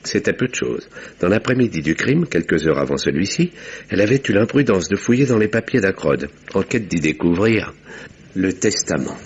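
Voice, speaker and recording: A male actor with a deep, husky voice plays a composed, wry village doctor narrating a 1950s-style French radio mystery. His delivery is measured, literary and dryly ironic, yet animated and heavily acted. The recording has a dull vintage radio sound.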